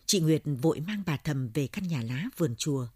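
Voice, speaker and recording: A woman reads a novel aloud in steady audiobook narration. Her voice is low, dark and husky. The recording is close and dry. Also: fairly quick, no echo. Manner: steady storytelling.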